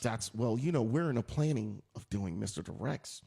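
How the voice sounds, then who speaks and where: Male talk host, gravelly and animated, loud laugher, casual chat. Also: fairly low pitch, normal speed. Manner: animated, repeats himself, laughs loudly.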